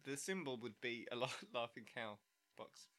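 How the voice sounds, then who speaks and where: A man with a bright, clear voice at a middle pitch, co-hosting a casual podcast. He talks in loose banter and riffs playfully on absurd ideas, often breaking into laughter. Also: animated, normal speed. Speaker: podcast co-host.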